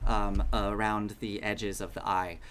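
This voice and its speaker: A man's voice: on the low side, flat delivery, unhurried, fairly bright tone, slight background noise. A man narrating as game master of a tabletop game, chatty and full of ums and restarts.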